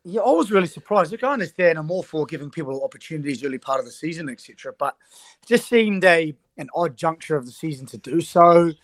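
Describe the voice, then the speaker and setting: A man's voice: fairly high pitch, expressive, fast talker, no room sound. A man, a rugby coach giving analysis as an interview guest.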